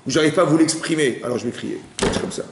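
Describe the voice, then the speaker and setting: A man teaching a lively Torah class, firing rapid questions at his listeners and acting out cries. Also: on the high side, roomy sound. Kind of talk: lively interactive Torah lesson.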